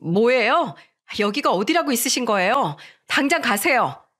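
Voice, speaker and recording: Rude young bride-to-be, curt, sharp, snappish, radio story read by a woman. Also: a little high, sing-song, a little fast.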